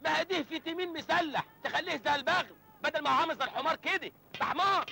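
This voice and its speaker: A man's voice: extremely high pitch, vocal fry, pushed and bright, a little hiss or hum, heavily acted. An actor with an Egyptian accent playing a naive, hungry young village man who jokes cheekily with his uncle. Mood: cheeky. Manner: cheeky, joking, fast-talking. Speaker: comic lead in an old film.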